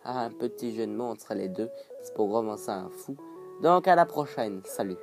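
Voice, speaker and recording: A man's voice: lowish voice, normal speed, soft background music. A man giving casual gameplay commentary, rambling and jokey, full of hesitant fillers and silly put-on accents. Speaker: gaming video creator.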